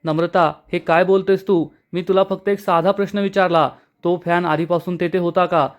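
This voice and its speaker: A young businessman hero in a serial retelling, read by a man. He asks measured questions and stays calm but firm. His voice sits fairly high. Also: dull audio, lightly acted. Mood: questioning.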